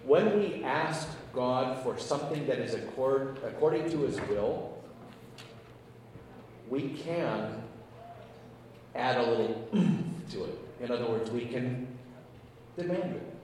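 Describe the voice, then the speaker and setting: Pastor, male, earnest storytelling sermon, booming echo of a big church hall. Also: lively intonation, takes it slowly, pauses often, a little mellow, a little hiss or hum. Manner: earnest, acts out dialogue with emphatic rises. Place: large church. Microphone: handheld mic. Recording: echoey church hall, distant mic.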